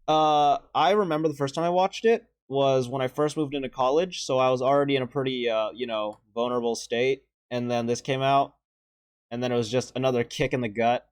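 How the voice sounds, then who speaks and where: A young video creator with a deeper voice ranks his favorite animated shorts, offering casual, earnest and emotional commentary punctuated by sighs and restarts. The recording is dry.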